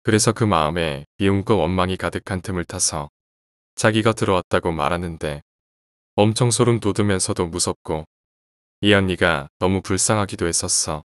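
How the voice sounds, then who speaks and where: A man calmly reading out horror stories in an even, casual storytelling way. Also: low voice, moderate pace, no room sound, clean studio sound. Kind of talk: scripted horror story narration.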